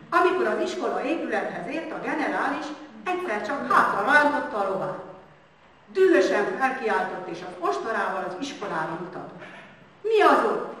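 A woman's voice: on the high side, fairly bright tone. A woman reciting a story earnestly and dramatically at a commemoration, recorded from a distance. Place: large hall at a village celebration. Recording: echoey hall, distant mic, faint noise.

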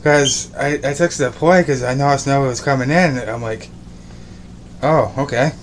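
This casual cooking vlog features a young man with a mid-range voice talking at a moderate pace, cheerful and rambling, often saying things twice. It's shot on a phone held at arm's length in a small home kitchen and bedroom, with slight background noise.

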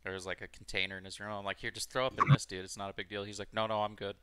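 A man's voice: lowish voice, level tone, racing, noisy background. A man in his twenties telling stories in a laid-back casual chat, swearing often. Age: 20s.

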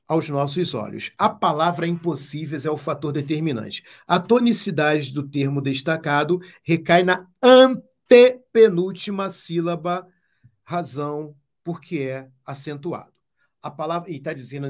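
A Brazilian man teaching Portuguese exam prep, explaining step by step with emphatic, repeated catchphrases. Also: fairly high pitch. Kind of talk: exam-prep lesson at a whiteboard.

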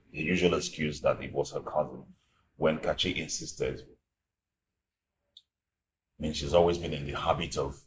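A divorced man with a nigerian accent, super deep voice, gossipy and amused, echoey room with noise behind. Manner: conversational, laughs between remarks. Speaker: boss's friend confiding in a young employee.

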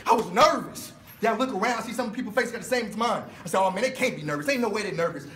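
A man's voice: high voice, rapid-fire, fairly bright tone. A young man, a football player, giving an intense pregame pep speech, insistently repeating his phrases. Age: young adult. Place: indoor locker room. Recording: echoey locker room with team noise.

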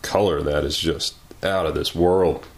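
At his workbench in a home garage workshop, a low-voiced maker channel host gives casual commentary. He keeps a steady tone at normal speed while joking, exclaiming and thinking aloud as he works.

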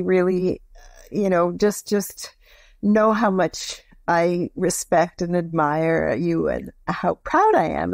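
An older woman with a gravelly, creaky voice talks warmly and a bit hesitantly, often pausing to search for words. The recording is dry and close, with no room echo. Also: on the low side. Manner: warm, hesitant, chuckling. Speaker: guest on the phone, host's mother. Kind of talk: casual chat.

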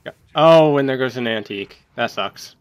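Man, mid pitch, dry close mic; casual gameplay commentator who mutters his thinking aloud and yelps when plays go wrong. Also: normal speed, dry recording. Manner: thinking aloud, muttering, sudden excited outbursts. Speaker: gaming YouTuber.

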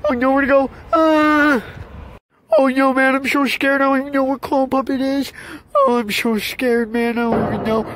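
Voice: high voice, fairly even intonation, moderate pace, background noise, close to an everyday voice. A performer voicing a whiny, mischievous kid who frets and panics easily. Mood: panicked. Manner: whiny, fretful. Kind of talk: fan puppet video acting.

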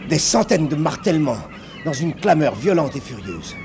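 A man's voice: on the high side, animated, normal speed, noisy background. Man telling a spooky tale theatrically. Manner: theatrical, sinking to hushed tones and rising to cries. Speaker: storyteller. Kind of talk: dramatic storytelling on television. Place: television studio set of a haunted castle.

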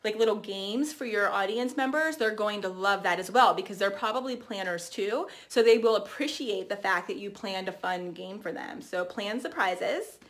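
A woman in her thirties giving a casual, chatty training talk to camera, energetic and full of fillers and restarts. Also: mid-range voice, normal speed, few pauses. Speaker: team trainer.

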